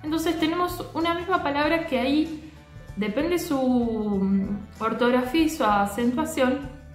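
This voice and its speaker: A woman teacher explaining a lesson to her students, often pausing to check that they follow. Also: high voice, faint music behind. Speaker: literature teacher. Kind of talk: recorded class lecture. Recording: echoey room.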